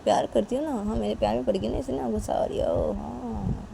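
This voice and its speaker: A woman's voice: a little high, brisk, gravelly, background noise. A woman voicing a smug married young woman who taunts the other and keeps asking "haan?". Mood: taunting. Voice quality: taunting, ends lines with "haan?".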